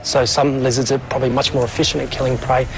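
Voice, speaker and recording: A man's voice: medium pitch, flat delivery, fast talker, gravelly, background noise. A man speaking as a scientific expert, explaining things in a nature documentary interview.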